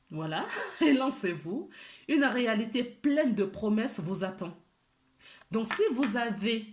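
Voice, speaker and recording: Slow, gentle woman reading oracle cards. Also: mid-range voice, reverberant. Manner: gentle and encouraging, often asks for agreement; repeats key words for emphasis. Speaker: tarot and oracle card reader. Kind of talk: weekly spiritual card reading.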